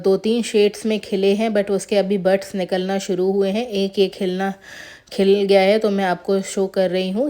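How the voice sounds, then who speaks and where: A woman's voice: mid-range voice, dark tone. A woman casually narrating a tour of her flowering plants as a gardening vlogger, chatty and showing each plant in turn. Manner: chatty, shows plants one by one.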